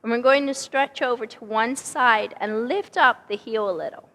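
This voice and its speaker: A woman with a hoarse, partly lost voice leading a Pilates class, calmly cueing each breath and movement. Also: a little high, moderate pace, big-room sound. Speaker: Pilates instructor. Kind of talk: guided exercise instruction. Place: exercise studio.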